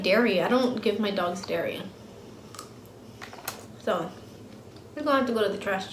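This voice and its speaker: Young woman venting over food, kinda high voice, roomy echo, blunt and slangy. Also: a little hiss or hum. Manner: blunt, slangy, laughs easily. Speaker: vlogger. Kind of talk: casual mukbang chat. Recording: roomy home sound with faint ambience.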